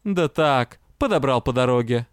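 A man's voice: mid-range voice, animated, normal speed, clear, resonant tone, no room sound, close to an everyday voice. A man voicing a sardonic male lord and master of death magic with a dry, mocking manner.

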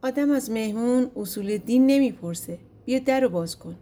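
A woman's voice: a little high, expressive, mellow, lightly acted. A woman reading a storybook voices a curious, stubborn bald shepherd who pleads and pries. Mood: pleading. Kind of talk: storybook narration.

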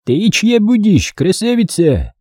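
A man's voice: high-pitched, sing-song, a little mellow, breathy edge, dry recording, studio quality, voice pushed up, heavily acted. A man doing a smug bearded village boss. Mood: leering. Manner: slow, mocking drawl.

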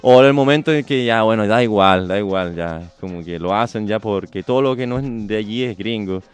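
A man being interviewed on the radio as a touring cyclist, telling stories in a reflective, halting way with sudden shouted reenactments. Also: on the low side, clean tone, soft background music. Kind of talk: radio interview, casual storytelling.

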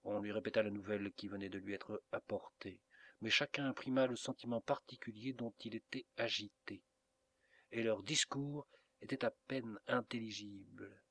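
A man reading a classic novel aloud as an audiobook narrator, in a measured, even delivery. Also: lowish voice. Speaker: audiobook reader. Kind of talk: literary narration.

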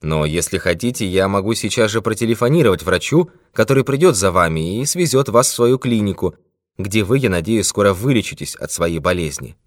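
A man's voice: lowish voice, lively intonation, brisk, no echo, clean studio sound, pitched above the performer's own voice, lightly acted. A man voicing a great detective who is stern but patient with a client. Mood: firm. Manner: firm, exasperated.

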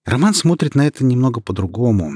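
A man reads a sharp, proud young woman in an audiobook, explaining her ideas earnestly and at length. The voice has a husky grain, and the sound is dry and close. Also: medium pitch, very animated, quick pace, no room sound. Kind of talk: audiobook character reading.

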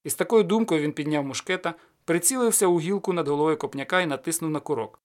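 A man reading an adventure tale aloud in steady storytelling narration. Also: fast. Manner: steady storytelling, lowers voice after quotes. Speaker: audiobook narrator. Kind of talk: scripted narration of a folk adventure.

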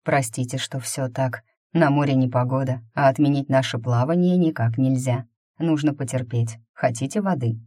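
A woman reading a smooth-talking burgomaster. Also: extremely low pitch, moderate pace, dry recording, clean studio sound. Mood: coaxing. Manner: calm, coaxing, reproachful. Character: middle-aged male burgomaster, soft-spoken captor.

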